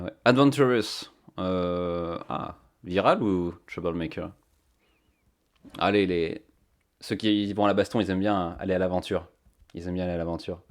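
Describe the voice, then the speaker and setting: A man's voice: deep voice, measured pace, pauses often. A man chatting casually to his stream viewers, thinking aloud with many fillers on a cheap microphone. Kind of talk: casual live-stream chat.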